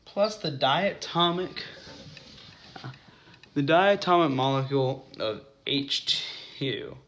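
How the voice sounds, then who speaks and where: A young man with a medium-pitched, fairly bright voice gives a casual chemistry lesson at a whiteboard. He often stops to correct himself and apologize.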